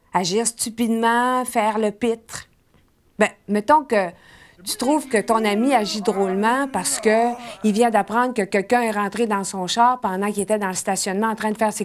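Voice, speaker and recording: A woman with a Saguenay Québécois accent giving a mock language lesson, speaking slowly and drilling words for the class to repeat. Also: mid-range voice. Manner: slow, deliberate drill-style teaching with repetition. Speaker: comic language teacher.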